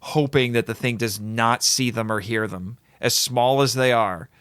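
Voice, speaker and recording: A man hosts a casual podcast chat, talking eagerly in quick bursts with the odd small laugh. His voice sits at an ordinary middle pitch. The recording is dry and close to the mic. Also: steady tone, fairly bright tone, smooth, dry recording. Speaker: podcast host. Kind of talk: casual chat about films.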